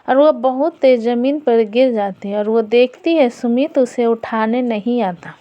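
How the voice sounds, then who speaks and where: A woman storyteller reading a family drama in a steady, plain narrating manner. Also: fairly high pitch, lo-fi sound.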